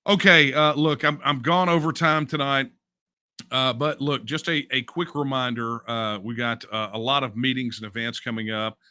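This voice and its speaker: Middle-aged guy hosting a late night stream, punchy bright voice, dry close mic, lots of uh's and snarky comebacks. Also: medium pitch, fairly even intonation, moderate pace, dry recording. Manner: wry, mocking asides, frequent "uh" fillers. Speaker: host. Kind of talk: casual livestream talk reading viewer messages.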